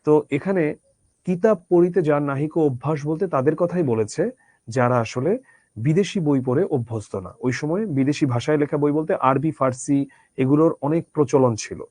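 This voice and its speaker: A man's voice: a little high, normal speed, darkish tone, no room sound. A man teaching a literature lesson conversationally, asking his students rhetorical questions. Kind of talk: Bangla literature lecture.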